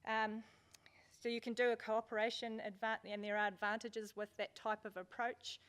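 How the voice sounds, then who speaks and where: Woman presenting in an even tone. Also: fairly high pitch, normal speed. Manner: hesitant, loosely phrased. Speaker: conference speaker, consultant. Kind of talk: informal business presentation. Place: indoor conference venue.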